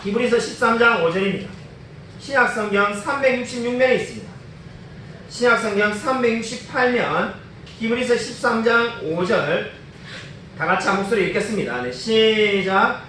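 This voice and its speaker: A man's voice: high-pitched, lively intonation, normal speed, sharp tone, a little hiss or hum. A man preaching a sermon as a pastor in a church, with emphatic delivery and many rhetorical questions. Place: church sanctuary. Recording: echoey church, mic at a distance.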